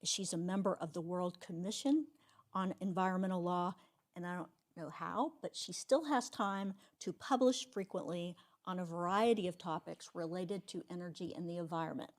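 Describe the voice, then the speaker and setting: A woman's voice: fairly low pitch, moderate pace. A woman hosting an event, giving a formal, admiring introduction of a guest speaker. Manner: admiring, reads out credentials. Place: lecture hall.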